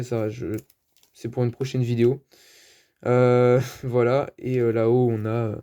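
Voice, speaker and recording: A man's voice: mid-range voice, mellow. A man with a French accent presenting his card collection in a casual, hesitant chat full of fillers. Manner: chatty, hesitant, many fillers. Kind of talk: casual show-and-tell.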